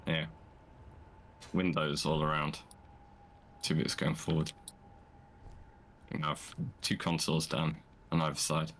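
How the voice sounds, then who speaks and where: A man's voice: a bass voice, completely flat delivery, takes it slowly, long pauses, fairly bright tone, a little hiss or hum. A man talking casually with friends while playing a building game, giving short dry replies. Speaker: co-player. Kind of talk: casual multiplayer game chat.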